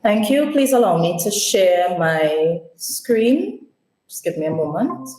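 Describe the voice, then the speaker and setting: A woman from Trinidad and Tobago, giving a measured, formal conference presentation remotely. Her voice is heard over a video call in a screen recording. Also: fairly low pitch, very animated, dark tone, reverberant, poor audio. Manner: measured, formal, listing points.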